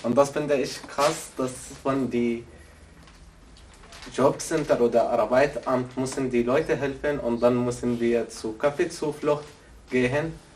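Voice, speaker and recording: A man who is not a native German speaker talks in a halting, questioning way. He sits back from the microphone, and faint room ambience hangs behind his mid-range voice. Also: mid-range voice, steady tone, darkish tone, a little hiss or hum. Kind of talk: conversational interview. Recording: distant mic with faint ambience.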